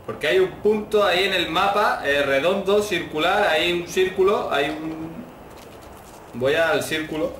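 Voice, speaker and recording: A man from commenting casually on a horror game, excitable, swearing and yelling at it. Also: fairly high pitch, measured pace, reverberant, far from the mic, a little hiss or hum. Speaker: gameplay commentator.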